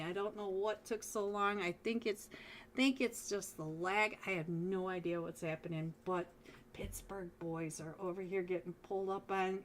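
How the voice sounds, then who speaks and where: A woman solo-casts a mobile esports match live, chatty and talking straight to viewers with frequent restarts. Her medium-pitched voice, which she says is going hoarse as she loses it, comes with a little hiss or hum.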